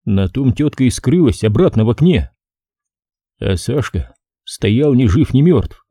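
A man narrating an audiobook in an expressive, storytelling way. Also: medium pitch, measured pace, husky, no echo, clean studio sound. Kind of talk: scripted narration.

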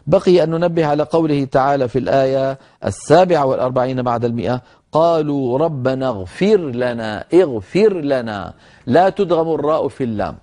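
A man teaching Quran recitation rules in a broadcast lesson. He explains in a measured way, slowly models recited words, and addresses the listeners directly as brothers. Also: medium pitch, warm tone.

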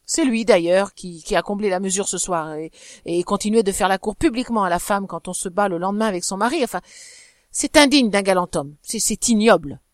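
A woman doing a loud, sneering nobleman husband. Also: medium pitch, brisk, no room sound, clean studio sound, close to an everyday voice. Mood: blustering. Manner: loud, sneering and stammering in anger. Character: jealous blustering nobleman husband, boorish.

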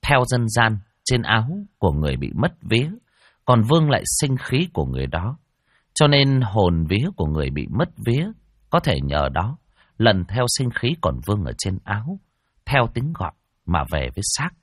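A man's voice: on the low side, sing-song, moderate pace, no echo, clean studio sound. A man narrating a ghost story vividly and expressively.

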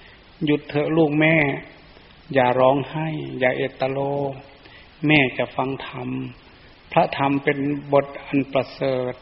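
A monk voicing a devout mother ghost soothing her children, in a soft pleading way. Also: mid-range voice, level tone, a little slow, creaky. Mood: tender, pleading. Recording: echoey dull lo-fi recording.

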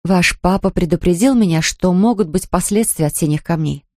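Woman as a lively young nanny. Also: fairly low pitch, moderate pace, no room sound, clean studio sound.

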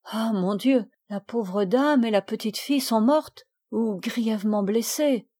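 A woman's voice: a little high, measured pace, warm tone, slightly rough. A woman voicing an anxious, caring nursemaid who gives cautious warnings, in a storybook reading.

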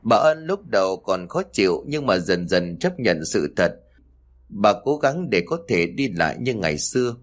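A man narrates a story in a steady, matter-of-fact way. His voice sits fairly low. The pace is even. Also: normal speed. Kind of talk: scripted narration.

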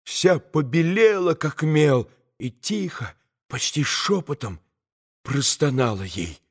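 A man narrating a classic novel as an audiobook in a measured, dramatic reading. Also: on the high side, sing-song, slightly rough. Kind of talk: scripted narration.

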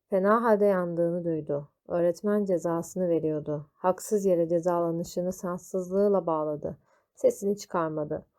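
A woman reading a children's story aloud, slow and deliberate. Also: fairly low pitch, mellow.

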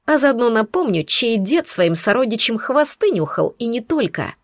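A woman's voice: on the high side, very animated, moderate pace, no room sound, studio quality. A woman voicing a proud, snappy female cat familiar in an audiobook. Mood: hissing angry. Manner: snappish, indignant.

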